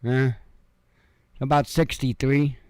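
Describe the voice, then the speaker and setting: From his home, a man from Illinois, USA, who hosts news commentary gives a casual headline read-through with rambling, filler-laden side comments. His medium-pitched voice is flat and slow, a little mellow with a clean tone, and there's no echo.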